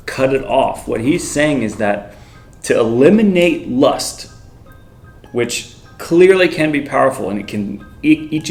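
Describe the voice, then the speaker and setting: A man preaching conversationally to teenagers, explaining with rhetorical questions and plain slang. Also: mid-range voice. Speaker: youth preacher.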